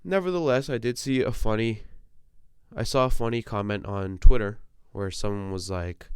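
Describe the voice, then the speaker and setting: Still recovering from a cold, this young podcast host rants about sports on his own, cursing freely in a relaxed, casual way. He speaks at a moderate pace in a smooth, lowish voice. The sound is dry and clean, like a studio, though he's in a small compact room.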